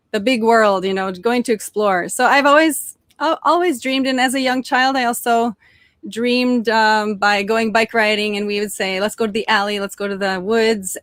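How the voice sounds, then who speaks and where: Chatting as a podcast guest, this young woman, Norwegian-born but raised near Detroit, Michigan, tells stories cheerfully and casually, with frequent fillers and restarts. Her mid-range voice has a fairly bright tone, and the recording is dry.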